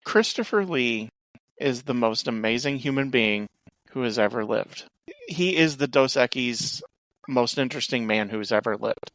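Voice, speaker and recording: A man's voice: mid-range voice, animated, normal speed, a bit bright, no room sound. A man co-hosting a movie review podcast, emphatic and stammering through restarts in casual chat. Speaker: podcast co-host.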